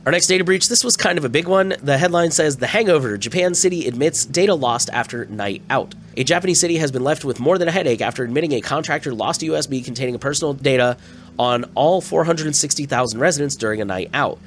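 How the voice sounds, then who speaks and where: A man on the high side of the pitch range hosts a news podcast at a quick pace, sounding expressive. His voice is slightly scratchy, his nose stuffed up from a cold, and he reads the stories plainly and conversationally with casual asides.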